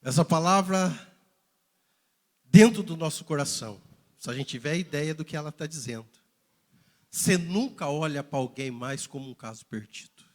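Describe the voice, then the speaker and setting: A male pastor from Brazil preaching a sermon in a repetitive cadence, swinging between shouted climaxes and hushed asides. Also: a little high, normal speed, pauses often. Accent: Brazilian Portuguese. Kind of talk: Pentecostal sermon.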